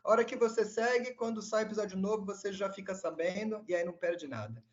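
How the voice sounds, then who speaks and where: A man's voice: high voice, quick pace. A Brazilian man with a Brazilian Portuguese accent, hosting a podcast and politely wrapping up the episode. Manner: upbeat, polite sign-off. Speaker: podcast host. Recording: dull lo-fi remote podcast audio.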